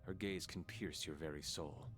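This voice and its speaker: A man's voice: very deep voice, fairly even intonation, normal speed, over music. A man playing a solemn demon-hunting warrior who speaks formally and earnestly.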